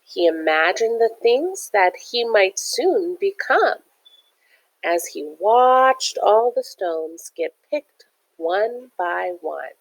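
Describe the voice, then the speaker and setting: A woman gives an animated children's read-aloud of a picture book, teacher-style, sprinkling in friendly, encouraging asides that explain things plainly for young listeners. Her medium-pitched voice is sing-song and slow, and the audio is poor.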